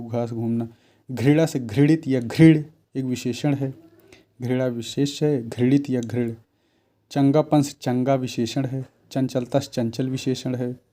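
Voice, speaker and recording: A man's voice: mid-range voice, warm tone. A man teaching a grammar lesson, reading off word lists and asking and answering his own questions.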